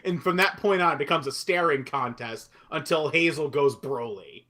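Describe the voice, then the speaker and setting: A man co-hosting a podcast in casual chat, animated and swearing, often laughing. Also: on the high side, moderate pace. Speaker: podcast co-host.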